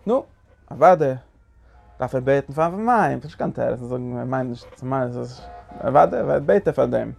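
A man's voice: medium pitch, lively intonation, normal speed, gravelly, a little mellow, soft background music. A man giving a Torah lecture, asking rhetorical questions and restarting phrases often. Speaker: Torah teacher.

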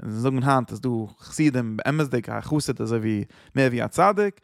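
A man's voice: medium pitch, expressive, brisk, creaky, dry recording, clean studio sound. A man, teaching a lesson on Psalms in loose, searching speech full of Hebrew and English terms. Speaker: Torah teacher.

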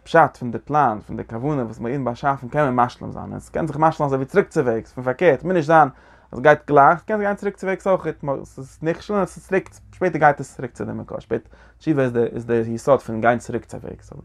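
A man teaching a lecture on a religious text, talking in halting phrases that he often repeats and restarts. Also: mid-range voice, creaky.

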